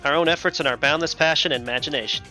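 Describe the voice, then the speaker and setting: A man's voice: a little high, racing, bright, forceful tone, faint music behind. A man voicing an earnest, eager teenage boy from an occult club. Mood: proud.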